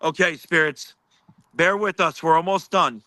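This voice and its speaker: A man's voice: on the high side, steady tone, unhurried, bright, forceful tone, no echo. A man hosting a live paranormal session, repeatedly asking spirits questions and reporting faint sounds he hears.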